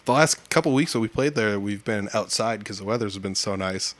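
A man hosting a casual chat in a studio, telling lively stories and acting out quotes. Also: lowish voice, fairly quick, no echo. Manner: animated storyteller, acts out quotes. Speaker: podcast host.

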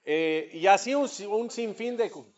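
A man's voice: high voice, unhurried. A man, a rabbi giving a class, who asks his students rhetorical questions and answers them himself in a conversational way. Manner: conversational, addresses students directly. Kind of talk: religious class lecture. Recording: dull lo-fi class recording.

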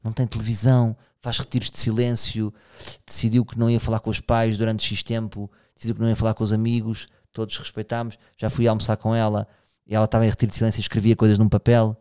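A man's voice: on the low side, completely flat delivery, fast, a little mellow, clear, resonant tone. A man in his thirties with a European Portuguese accent, hosting a podcast and musing aloud in a casual monologue, often restarting and speaking straight to his listeners. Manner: musing, frequent restarts, addresses listeners directly. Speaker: podcast host.

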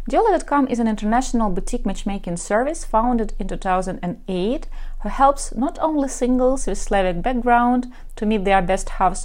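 A woman's voice: mid-range voice, a little mellow. A woman from Ukraine, a native Russian speaker with a Russian accent, hosting a podcast in a scripted, presentational way and addressing listeners directly. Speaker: podcast host, matchmaker and dating coach.

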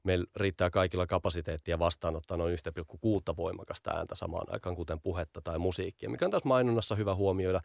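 A man's voice: low-pitched, creaky, few pauses, dry recording, studio quality. A man being interviewed as an audio branding expert, explaining patiently and often repeating small fillers while he thinks.

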